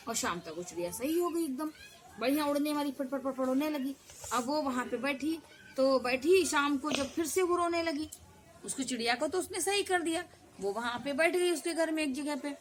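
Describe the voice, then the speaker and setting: A woman telling a children's folk tale in an animated way, with sound effects and acted voices. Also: high-pitched, normal speed. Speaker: storyteller.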